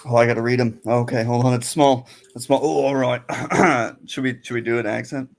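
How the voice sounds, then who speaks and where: Playful male co-host, mid-pitched, quick with reactions. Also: fairly even intonation, gravelly. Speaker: podcast co-host. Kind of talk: casual podcast chat.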